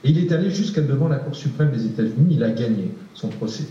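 A man's voice: mid-range voice, animated, fast, dark tone. Hesitant man speaking in an echoey room. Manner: hesitant, many fillers and repeated words. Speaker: researcher. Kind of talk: panel discussion answer. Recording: distant, echoey, dull room recording.

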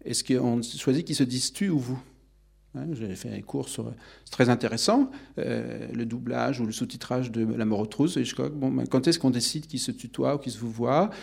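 A man's voice: mid-range voice, moderate pace, creaky, a little mellow, breathy edge. A man on a discussion panel, explaining at length like a lecturer. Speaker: panel guest.

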